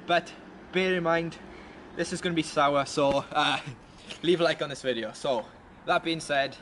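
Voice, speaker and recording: A man's voice: fairly high pitch, a little slow, a bit bright, slight background noise. A man hosting a challenge video, talking casually to his viewers. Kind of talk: casual vlog talk to viewers. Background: music.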